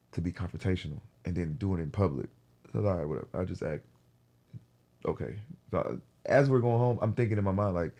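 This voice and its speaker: A man's voice: sits low, vocal fry, warm tone, slightly rough. A young man hosting a podcast, telling a story in a casual, slangy way full of profanity. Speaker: podcast host.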